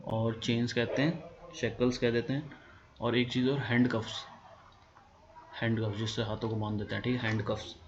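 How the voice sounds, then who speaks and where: A man's voice: mid-range voice, level tone, moderate pace, pauses often. A man with an Indian accent teaching English vocabulary in a casual lesson. He repeats each word several times and spells words out letter by letter. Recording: dull lo-fi sound with clear background noise.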